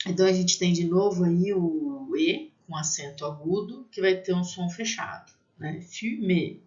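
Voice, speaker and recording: A teacher giving a pronunciation lesson, spelling out letters and repeating each word slowly. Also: mid-range voice, darkish tone, lo-fi sound.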